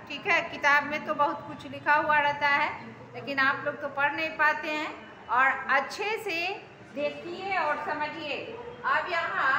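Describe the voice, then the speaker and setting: A woman teaching Hindi grammar in an online class, going over each step slowly and asking the students check questions. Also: high voice, sharp tone, recorded from a distance, a little hiss or hum. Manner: slow, repetitive teaching with frequent check questions. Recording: echoey room, voice from off the mic, faint ambience.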